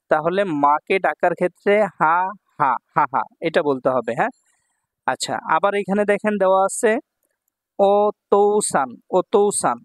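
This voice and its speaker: A high-pitched male teacher explains vocabulary, drawing out each syllable and repeating the word several times. He keeps checking that his listeners follow. The recording is dry and close, with no room sound. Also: a bit bright, no room sound. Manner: slow, drawn-out repetition of each syllable; checks in with listeners, calls them brother. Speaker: Japanese language teacher. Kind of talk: vocabulary lesson explaining words.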